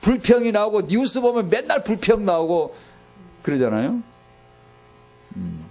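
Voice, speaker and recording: A man preaching a sermon in a fairly high voice that swings wide in pitch. He presses points by repeating words, then falls almost silent before rising again. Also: very animated, measured pace. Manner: impassioned, repeats words for emphasis, swings from loud to very soft. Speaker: pastor.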